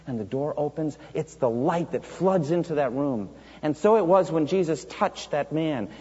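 A man's voice: a little high, a little mellow, breathy edge. A man preaching a sermon in an earnest storytelling way, asking rhetorical questions of his congregation. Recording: dull, reverberant church hall sound.

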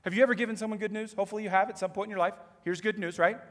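A man preaching a sermon as pastor, animated and moving between hushed lines and emphatic ones. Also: high-pitched, rapid-fire. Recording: echoey hall.

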